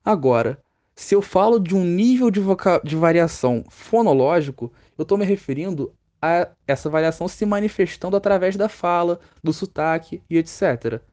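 Man, Brazilian Portuguese accent, a touch high-pitched, educational podcast lesson, asks himself questions and answers them. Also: moderate pace, mellow. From Rio de Janeiro, Brazil. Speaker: teacher.

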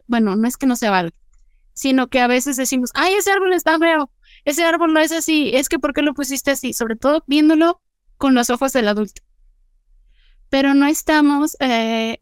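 A woman's voice: on the high side, smooth, no room sound. A woman, co-hosting a reflective podcast chat and talking earnestly about process and small details. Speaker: podcast co-host.

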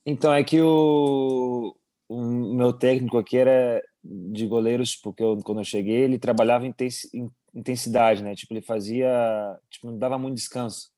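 This is a relaxed young man from Brazil, a goalkeeper. His voice is warm and mellow, recorded dry and close. He chats loosely with plenty of fillers and quick laughs. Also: medium pitch, no echo. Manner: relaxed, chuckling, many fillers. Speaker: goalkeeper abroad, interview guest. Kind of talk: casual interview chat.

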